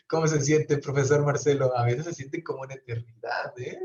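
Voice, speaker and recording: Teaching brief therapy online, this professor speaks a little high and a little slowly, his intonation lively. He explains each step and checks in with students often. The sound comes through a computer mic on a video call and is roomy, distant, and dull.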